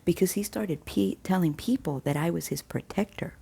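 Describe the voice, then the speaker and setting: Woman, casual storyteller, dark gravelly voice, chatty testimony. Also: lowish voice, normal speed. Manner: chatty, acts out quoted dialogue with restarts. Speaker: vlogger sharing a faith testimony.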